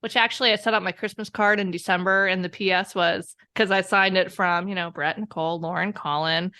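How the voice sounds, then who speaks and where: Bright chatty woman, laughs a lot, animated storyteller, podcast chat. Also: fairly low pitch, a little fast. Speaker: podcast guest. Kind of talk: casual conversation.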